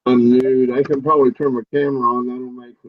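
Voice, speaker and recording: A man of middling pitch talks brash and profane over a stream call. With no real mic, his voice comes through muffled and boxy, as if from inside a box. The sound is dull and lo-fi but dry, with no room echo. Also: flat delivery, fairly quick. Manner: brash, swearing, tough talk. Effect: muffled boxy sound without a proper mic. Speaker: call-in guest on a live stream. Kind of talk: casual profane chat. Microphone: device's built-in mic.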